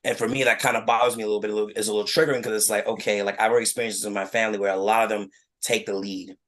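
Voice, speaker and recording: Earnest man explaining himself, lowish voice. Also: level tone, fairly bright tone. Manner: earnest, halting, restarts often while explaining. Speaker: podcast co-host. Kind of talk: casual chat.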